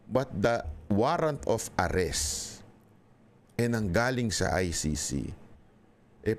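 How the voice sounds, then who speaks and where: A man's voice: fairly low pitch, darkish tone. A man giving an impassioned political monologue to his viewers, switching between Tagalog and English. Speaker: political commentator.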